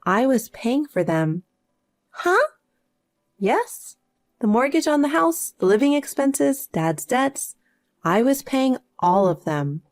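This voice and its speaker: A woman voicing a calm, self-assured adult younger sister who speaks matter-of-factly. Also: sits high, takes it slowly, exaggerated voice. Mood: firm. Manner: cool and matter-of-fact.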